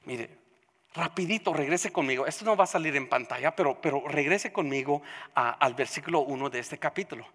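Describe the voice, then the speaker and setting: A preacher delivering an emphatic sermon, repeating phrases and swinging between loud declarations and hushed asides. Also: mid-range voice, quick pace. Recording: long hall reverb.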